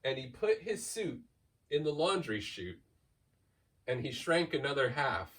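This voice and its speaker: A school staff member reads a children's picture book aloud with theatrical playfulness, his mid-range voice sing-song and measured in pace. He stretches key words and races through piled-up lists, recorded far from the mic amid a noisy background.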